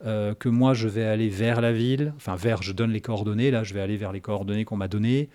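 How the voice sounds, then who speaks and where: Rambling, wry man with lowish voice. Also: fairly even intonation, brisk, mellow. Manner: rambling, self-interrupting, wry. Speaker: tabletop game player. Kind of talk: casual game chat.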